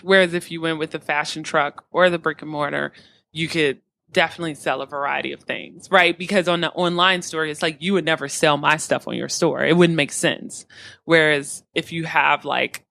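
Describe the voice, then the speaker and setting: A woman's voice: deep voice, steady tone, moderate pace, vocal fry, pushed and bright. A woman co-hosting a podcast, chatting casually and filling her talk with "like" and "you know". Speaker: podcast co-host. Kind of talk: casual chat.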